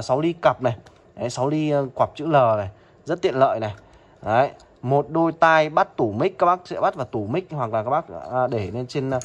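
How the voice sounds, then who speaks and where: A man demonstrating audio equipment in a chatty sales pitch, often checking in with viewers. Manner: chatty, addresses viewers as "các bác", frequent "được chưa?". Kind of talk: product demo sales pitch.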